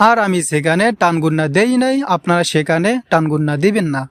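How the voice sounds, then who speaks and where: A quick-paced, high-sitting male voice, recorded clean and dry in a studio with no room sound. He's a Quran recitation teacher giving a slow pronunciation lesson on an Arabic prayer, patiently repeating words and drawing out the long vowels for learners.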